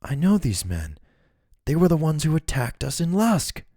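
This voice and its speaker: A man voicing a soft, earnest young woman in a fantasy novel reading. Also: on the high side, very animated, moderate pace, no room sound, clean studio sound, pitched above the performer's own voice.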